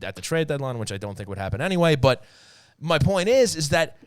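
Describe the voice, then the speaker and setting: A man with a New York accent co-hosting a hockey talk show, animated and excited, quick to laugh and answering his own questions. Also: a little high, clean tone, dry recording, studio quality. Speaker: podcast co-host.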